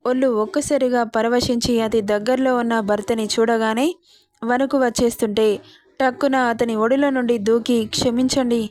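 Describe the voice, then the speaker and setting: A woman narrating a romance story in a steady, expressive storytelling manner. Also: fairly high pitch, normal speed.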